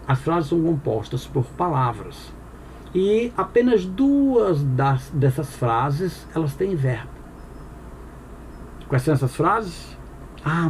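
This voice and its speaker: A man teaching a grammar lesson, his voice sitting a little high and swinging widely in pitch as he explains. He keeps checking in with the listener and answers his own questions. Faint ambient hiss sits behind him. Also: a little mellow. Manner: conversational with frequent "tá bom?" check-ins. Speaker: Portuguese teacher.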